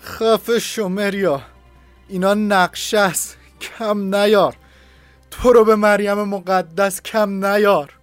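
A man voicing a badly wounded young man in an audiobook, shouting in a strained, forceful way. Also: high voice, fairly even intonation, no room sound, soft background music, pitched above the performer's own voice, lightly acted. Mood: defiant.

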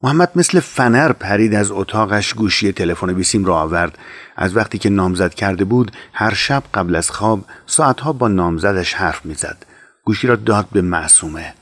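A man narrating an audiobook in a measured, calm storytelling manner. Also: fairly low pitch, no echo.

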